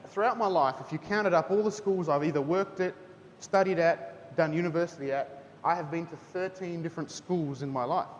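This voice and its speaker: The voice belongs to a Kiwi teacher in his thirties, chatting to a school chapel and repeatedly tossing in "okay?". You can hear the hall's reverb along with a low, faint rumble.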